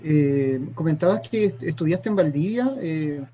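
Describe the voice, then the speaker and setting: High, mellow Chilean man interviewing. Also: expressive, a little slow, lo-fi sound. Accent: Chilean Spanish. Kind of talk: interview questions. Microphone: video call.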